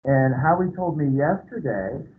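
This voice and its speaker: A middle-aged man hosting a colloquium, giving an informal, unscripted introduction in a halting, hesitant way with many pauses. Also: medium pitch, lively intonation. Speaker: colloquium host introducing the speaker. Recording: phone-like band, faint background noise.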